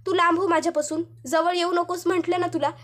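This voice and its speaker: A scared young wife begging a man to keep his distance. A woman voices her in a serial retelling. Her voice is high. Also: flat delivery, fairly quick. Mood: frightened. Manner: pleading, frightened. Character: frightened young wife pleading.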